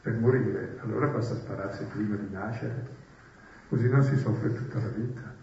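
A man's voice: fairly low pitch, moderate pace, vocal fry, darkish tone. Distant-sounding man preaching on scripture. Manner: rhetorical questions, wry humour. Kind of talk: spoken Bible commentary. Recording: roomy, distant and dull.

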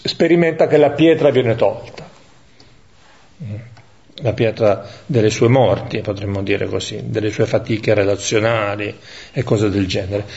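A man leading a Bible study, teaching in a reflective way that thinks aloud, with pauses and tag questions. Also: mid-range voice, darkish tone, dull audio. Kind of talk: lectio divina teaching.

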